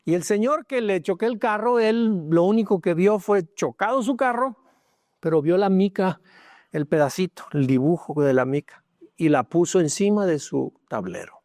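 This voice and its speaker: A man preaching a sermon as pastor, telling a personal story with emotion, dropping to hushed tones and rising again. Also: high voice, expressive, moderate pace, dry recording, studio quality. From Mexico. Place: church.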